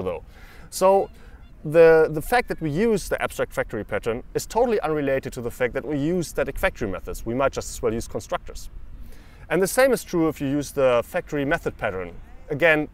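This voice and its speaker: A man in his thirties teaching programming, explaining code with frequent restarts and fillers. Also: fairly high pitch. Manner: lively, lots of restarts and uh fillers while explaining. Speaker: programming educator. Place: living room indoors, also outdoors in a park.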